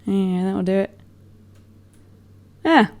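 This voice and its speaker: Very slow yet animated, a medium-pitched and slightly mellow voice carries this casual chat to camera. The speaker is a vlogger from England with a neutral British accent who rambles, mocks herself and lets sentences trail off into fillers.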